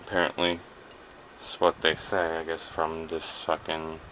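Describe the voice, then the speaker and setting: Alone with his camera, a man vlogs in a rumbling low voice with a completely flat, measured delivery and a sharp tone. The rough recording carries a little hiss or hum. He rambles, swears freely, runs himself down, and trails off mid-thought.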